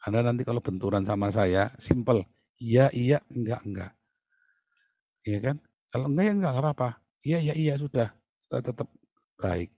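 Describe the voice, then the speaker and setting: A man's voice: medium pitch, animated, brisk, warm tone, dry recording. A man preaching in a casual, joking way, reading scripture and then chatting and laughing as he comments. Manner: mimics other people's speech. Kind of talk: informal sermon with scripture reading.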